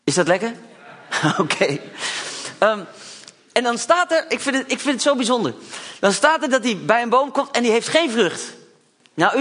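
A man's voice: very high-pitched, fairly bright tone. A man preaching a sermon, telling a Bible story with chatty asides and acting out the disciples' lines.

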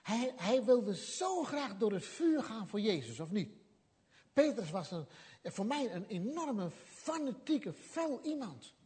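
A man's voice: high-pitched, very animated, slow pace, darkish tone, slightly rough. A man preaching a sermon, telling the story with animation and acting out what people said.

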